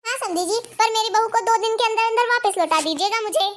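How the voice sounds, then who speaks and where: Woman playing a stern mother-in-law, scolding, sharp retorts, very high bright voice. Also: fast talker. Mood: complaining. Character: firm middle-aged mother-in-law, guarding her household. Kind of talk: Hindi family skit acting.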